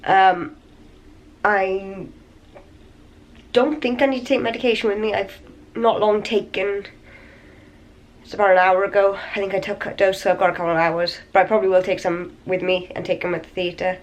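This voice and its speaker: A woman talks casually into a handheld camera from a hotel room, in a middle-pitched voice. A cold has left her slightly raspy and wheezy, and she sounds a bit out of breath. She rambles in a chatty, tired way. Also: level tone, moderate pace. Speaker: vlogger. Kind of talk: casual vlog chat to camera.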